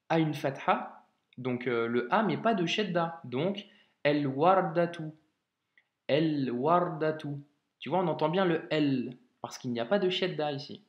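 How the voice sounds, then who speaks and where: Male tutor, unhurried and patient, friendly direct address, spells each letter, roomy echo. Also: a little high, muffled recording. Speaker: Arabic reading teacher. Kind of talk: slow step-by-step reading lesson.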